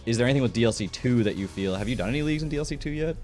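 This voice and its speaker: A man's voice: medium pitch, expressive, racing, darkish tone, soft background music. A young man interviewing a guest, asking enthusiastic, rambling questions in a casual chat.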